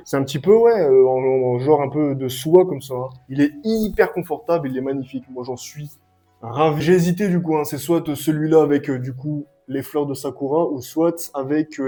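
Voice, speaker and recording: A young man giving a casual, excitable clothing review at home, full of slang and hype. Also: a little high. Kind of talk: casual product review vlog. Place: at home, sitting and standing up to show clothes.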